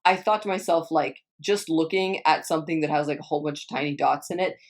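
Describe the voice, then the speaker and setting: Talking fast in a low-pitched voice, a young Texan vlogger chats casually while answering questions from viewers. She rambles, swears heavily, and repeatedly trails off and begins again.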